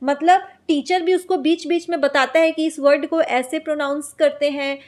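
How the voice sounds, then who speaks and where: A woman teacher, explaining exam material in Hindi. She reads out lines from her notes slowly and asks and answers her own questions. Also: sits high, steady tone. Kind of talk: exam-prep lecture.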